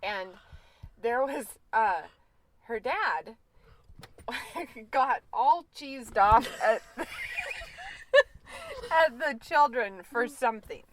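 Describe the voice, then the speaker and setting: A woman in her forties co-hosting a podcast in casual chat, telling animated stories and acting out quotes. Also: on the high side, drawn-out words, long pauses, slight background noise, low-quality recording. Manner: animated storyteller, acts out quotes with laughter. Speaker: podcast co-host.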